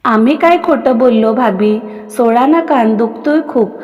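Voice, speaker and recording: A woman's voice: a little high, measured pace, a little mellow, close to an everyday voice. A woman voicing a playful young man who teases his older brother's wife, read as part of a story with a long reverb. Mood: pleading. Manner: teasing, boyish.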